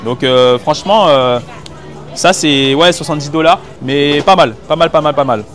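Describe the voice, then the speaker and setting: A man with a fairly high-pitched voice talks at normal speed with a fairly bright tone, some chatter and music in the background. He's a vlogger reviewing goods at busy market stalls, speaking casual, slangy French to his viewers and thinking aloud. A hidden mic captures him candidly on location as he shops.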